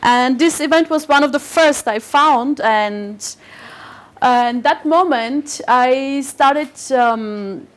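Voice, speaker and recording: At an event, a Bulgarian-born woman in her forties whose first language is Turkish recounts something personal in a slow, high-pitched voice. Her telling is halting, with many fillers, false starts and frequent laughter.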